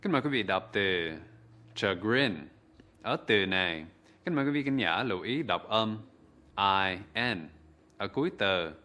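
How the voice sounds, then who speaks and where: A man leads a televised pronunciation drill, speaking slowly and deliberately. His voice sits fairly low as he carefully enunciates each word for viewers to repeat. The tone stays formal throughout. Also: expressive, background noise. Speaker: English vocabulary presenter.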